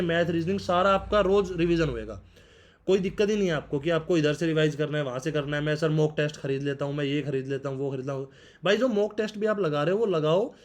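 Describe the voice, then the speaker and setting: A man's voice: high-pitched, darkish tone. A young man talking casually and directly to viewers, giving exam advice and often repeating his points like an older brother. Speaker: exam prep vlogger.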